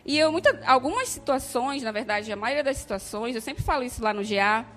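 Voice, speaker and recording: A woman's voice: sits high, lively intonation, brisk, fairly bright tone. A woman giving a heartfelt personal faith testimony, hesitant and often checking in with her listeners. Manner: heartfelt, hesitant, frequent "né?" tags. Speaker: church member giving testimony. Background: faint music.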